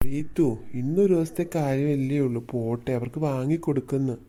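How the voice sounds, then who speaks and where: A performer playing a mild, easygoing father who tries to calm his wife in a comedy skit. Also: mid-range voice, fairly quick, close to an everyday voice. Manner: mild, coaxing, apologetic.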